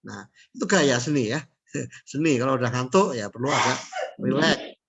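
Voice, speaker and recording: Man, middle-aged, gravelly voice, relaxed lecture, slow English terms, restates each point. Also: mid-range voice. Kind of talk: casual spoken lecture.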